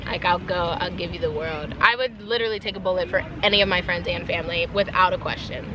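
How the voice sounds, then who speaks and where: A woman's voice: on the low side, steady tone, quick pace, poor audio. A young American woman chatting casually in a candid, slangy party-girl manner for a Q&A. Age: young adult. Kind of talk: casual Q&A chat. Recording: loud crowd and outdoor noise.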